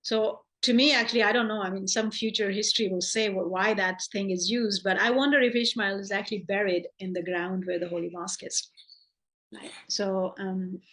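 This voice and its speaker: A woman's voice: mid-range voice, steady tone, normal speed, fairly bright tone. Woman teaching a class, chatty and unscripted. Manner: conversational, many restarts, acts out quoted dialogue. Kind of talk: informal class lecture.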